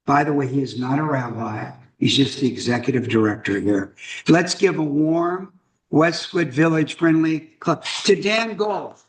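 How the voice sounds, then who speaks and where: A man's voice: fairly high pitch, unhurried, poor audio. A man hosting a club meeting, introducing the guest speaker in a casual, chatty way. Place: meeting room.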